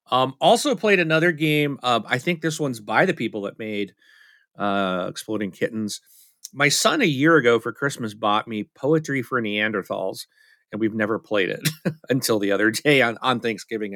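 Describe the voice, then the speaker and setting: A man's voice: mid-range voice, expressive, moderate pace, a bit bright, no room sound. A middle-aged man chatting casually as a podcast co-host, rambling and telling stories with many fillers. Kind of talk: casual chat.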